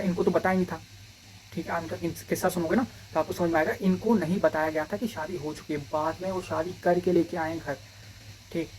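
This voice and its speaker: A man's voice: a little high, darkish tone, a little hiss or hum, low-quality recording. A man giving casual, rambling commentary on video clips as commentator, often stopping to check that his listeners follow.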